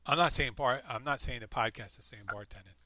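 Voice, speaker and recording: This upbeat podcast host, a man in his fifties, wanders through a casual chat, often cutting himself off and starting over. He speaks briskly in a bright, forceful, medium-pitched voice.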